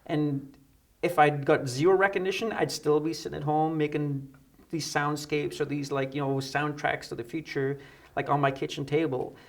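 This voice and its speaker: A middle-aged electronic musician from the United Kingdom, seated on a dark indoor studio set, tells anecdotes as a guest in a conversational interview. His voice is a little high, with a steady tone and moderate pace.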